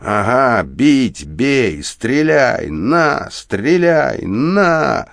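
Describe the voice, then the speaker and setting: A man voicing a frenzied, hysterical young soldier who shouts hoarsely in an audiobook. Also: deep voice, a little slow, no echo, clean studio sound. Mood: raving. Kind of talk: audiobook character voice.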